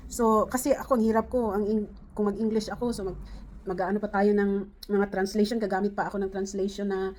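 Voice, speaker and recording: A woman's voice: mid-range voice, a little mellow, a little hiss or hum. A middle-aged woman from the Philippines, chatting casually to camera, rambling with many fillers and restarts. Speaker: vlogger.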